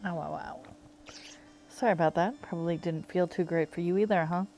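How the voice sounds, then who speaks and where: A woman's voice: on the low side, fairly even intonation, brisk, mellow, slight background noise, natural voice. A woman voicing a friendly burrowing mole creature in a casual, buddy-like reading.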